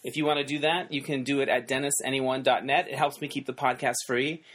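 A man's voice: mid-range voice, level tone, fairly quick, a bit bright. Male podcast host, standard American accent. Middle register, informal conversational delivery. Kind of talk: casual podcast hosting.

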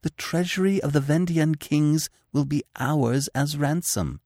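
A man's voice: on the high side, big pitch swings, unhurried, a little mellow, no room sound, studio quality, pitched above the performer's own voice. A man voicing a passionate, scheming young woman who pleads in a breathless, urgent rush. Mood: pleading.

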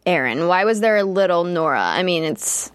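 A woman's voice: on the low side, sing-song, moderate pace, dry recording, studio quality. A woman co-hosting a live show, chatty and teasing. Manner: playful, teasing. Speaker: co-host. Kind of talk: casual live-show chat.

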